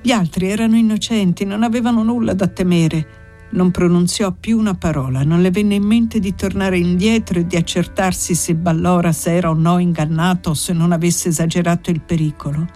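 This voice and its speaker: A woman reading a classic novel aloud in a measured, expressive narration. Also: on the low side, faint music behind. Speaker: audiobook reader. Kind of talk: literary narration.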